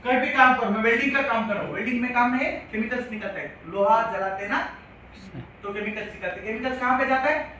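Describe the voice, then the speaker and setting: Bright high-pitched guy teaching a health class, keeps asking the crowd questions, recorded from far off in a big echoey room. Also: fast. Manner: repetitive, quizzes the audience. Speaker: health lecturer. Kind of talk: classroom-style lecture. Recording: echoey hall from far off, faint hiss.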